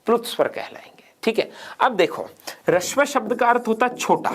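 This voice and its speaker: Man, teacher, exam-prep grammar lecture, lively swinging intonation, rhetorical questions, repeats key points. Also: very high-pitched, a little fast, breathy edge. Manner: asks rhetorical questions and answers them himself.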